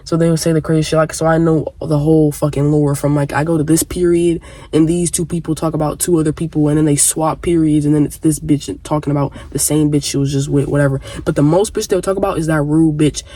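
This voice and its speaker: A woman's voice: low voice, mellow, dry recording. A young woman vlogging a personal story in a rambling, blunt way, full of fillers and profanity. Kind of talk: casual storytelling to camera.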